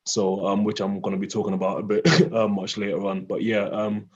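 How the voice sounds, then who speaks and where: A hoarse young man, introducing himself on an online panel with hesitant fillers. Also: on the low side, little pitch movement, brisk, a little mellow, lo-fi sound. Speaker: panel guest.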